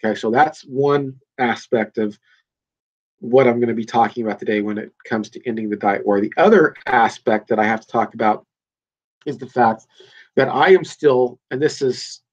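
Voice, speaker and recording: Speaking at normal speed in a medium-pitched voice over lo-fi sound, a man hosts his own podcast in a casual solo monologue. He rambles emphatically off the cuff, stuffed with fillers and restarts, and a cold makes him a bit nasal and congested.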